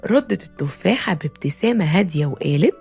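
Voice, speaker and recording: A woman with an Egyptian Arabic accent narrating a children's bedtime story in an expressive, soothing way. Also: lowish voice, fast talker, gravelly, husky, faint music behind.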